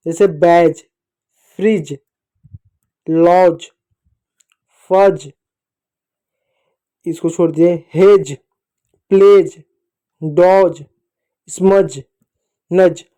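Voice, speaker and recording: A man teaching children a recorded phonics lesson, speaking patiently, addressing the kids directly and slowly spelling out letters and example words. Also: high voice, dark tone.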